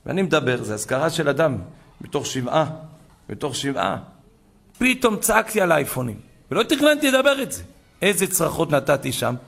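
A man's voice: mid-range voice, gravelly. A man giving a rabbi's sermon to a gathering, preaching with fervor and retelling conversations. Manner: fervent preaching that builds to loud exclamations. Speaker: rabbi giving a Torah talk.

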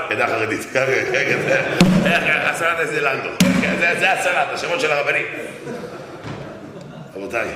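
A man preaching a humorous sermon with parables, animated and joking, addressing the audience directly. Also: medium pitch, far from the mic. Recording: echoey hall, faint noise.

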